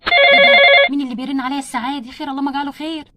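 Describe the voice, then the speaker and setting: A woman's voice: sits high, big pitch swings, racing, very noisy. A woman with an Egyptian accent voicing a fretting motherly doll who is flustered and keeps piling up pious exclamations. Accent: Egyptian Arabic.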